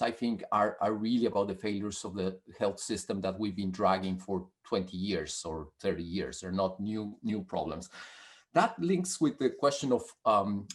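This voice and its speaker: A man speaking as a panelist in an online discussion, halting and repeating words as he grows heated. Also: medium pitch.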